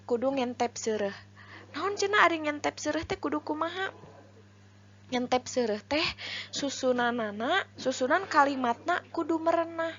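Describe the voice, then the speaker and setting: A woman's voice: sits high, animated, moderate pace, a bit bright, highs cut off. A woman teacher explaining a lesson step by step, asking questions and answering them herself.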